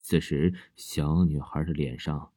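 A man telling a scripted horror story in a hushed, suspenseful way. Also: very deep voice, steady tone, measured pace, slightly rough, no echo, clean studio sound.

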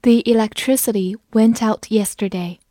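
A woman English teacher narrating a vocabulary lesson, slowly repeating each word twice before giving its meaning. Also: a little high, fairly even intonation, dark tone, no echo, studio quality. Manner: slow, drawn-out word repetition.

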